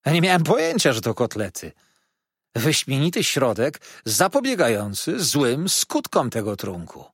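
A man voicing a loud, teasing young waiter. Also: mid-range voice, huge pitch swings, normal speed, husky, dry recording, studio quality, voice pushed up, exaggerated voice. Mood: jovial, greedy. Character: chatty, boastful young male inn waiter. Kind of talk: audiobook character voice.

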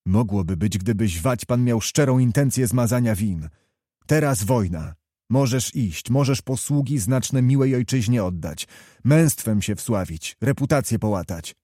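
A man reading the part of a seasoned officer who speaks in a measured, moralizing, steady way. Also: medium pitch, no echo, clean studio sound. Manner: measured, admonishing. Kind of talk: audiobook character reading.

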